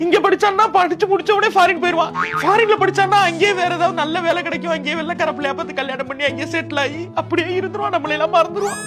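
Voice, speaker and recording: Someone playing a fretful, high-voiced young mother. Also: very fast, few pauses. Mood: tearful. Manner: dramatic, sentimental, nagging. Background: background music.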